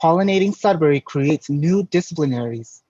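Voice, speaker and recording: A man from the United States narrates a scripted design presentation in a measured, rhetorical way. His voice sits a bit high. The recording is dry and dull, with no room sound. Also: expressive, mellow, slightly rough, no echo. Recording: dry, dull voice-over audio.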